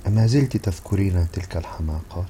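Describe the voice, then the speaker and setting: Man doing grumpy fussy french guy, scolding, deep dark voice. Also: quick pace, faint music behind, natural voice. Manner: scolding, dismissive. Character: fussy exasperated Frenchman, friend and husband.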